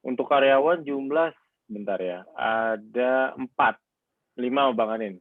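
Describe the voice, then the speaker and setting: Over a phone line, a car wash owner chats casually in an interview, rambling and using plenty of fillers. His voice sits at a medium pitch and moves at a measured pace. The sound is narrow, tinny and dry, with no echo.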